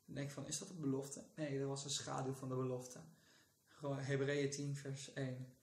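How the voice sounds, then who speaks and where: A man's voice: medium pitch, little pitch movement, moderate pace, darkish tone, roomy sound. A man with a Dutch accent speaking in a casual devotional vlog from his couch, fervent and often bursting into praise. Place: sitting on a couch indoors.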